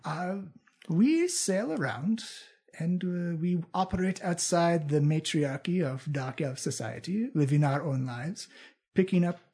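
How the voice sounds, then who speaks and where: A man voicing a suave, flamboyant male dark elf rogue leader with a courtly, smug manner. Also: fairly high pitch, expressive, a little slow, breathy edge, voice pushed up, full character voice. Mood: smooth.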